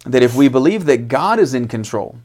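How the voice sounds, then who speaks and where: A man co-hosting a casual faith discussion, conversational and quick to affirm and joke. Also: mid-range voice, lively intonation, darkish tone.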